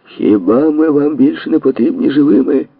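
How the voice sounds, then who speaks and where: Audiobook adventurer, male, cocky and loud, as a man acts him; husky, tinny. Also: on the high side, normal speed, no room sound, pitched above the performer's own voice. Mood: brash. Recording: dry tinny narrow-band audio.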